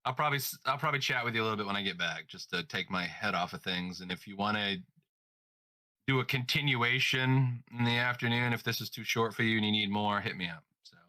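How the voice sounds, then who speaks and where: A man's voice: lowish voice, quick pace, sharp tone, no room sound. A man co-hosting a podcast in a rambling, playful casual chat, full of filler words. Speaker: podcast co-host.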